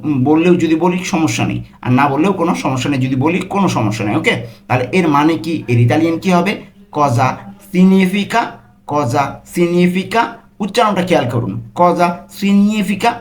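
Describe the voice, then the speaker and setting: A man giving a language lesson, repeating each phrase slowly and breaking it down word by word. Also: a little high. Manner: slow, syllable-by-syllable model pronunciation. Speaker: language teacher.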